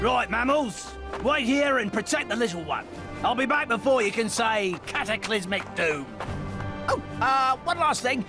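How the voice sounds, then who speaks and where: Buck, a crazed high-pitched weasel adventurer. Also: male voice, animated, moderate pace. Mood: bold, theatrical. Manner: theatrical, melodramatic. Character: crazed swashbuckling weasel adventurer, bold and theatrical. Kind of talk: animated game voice acting. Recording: very loud music behind.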